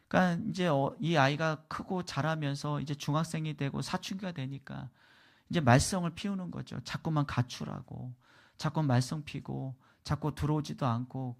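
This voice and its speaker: A male pastor preaching a sermon, telling a story with emphasis and swinging between loud lines and hushed ones. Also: a little high, vocal fry. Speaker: guest pastor.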